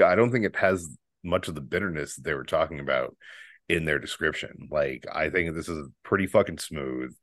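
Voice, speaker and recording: A podcast co-host with a low, fairly bright voice chats casually over beers inside a borrowed house. He's laid-back, laughs easily, and swears freely. The recording is dry with clean studio sound.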